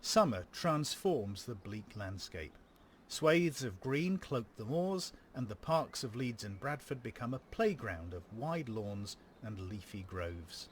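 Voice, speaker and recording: A man co-hosting a podcast, giving scripted true-crime narration in a measured storytelling delivery. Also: medium pitch, slight background noise.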